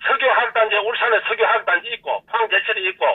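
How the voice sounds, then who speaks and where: Man, Gyeongsang dialect, high husky voice, heated repetitive rant, tinny distant phone line. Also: fairly even intonation, rapid-fire. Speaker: caller. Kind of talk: call-in rant. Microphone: telephone.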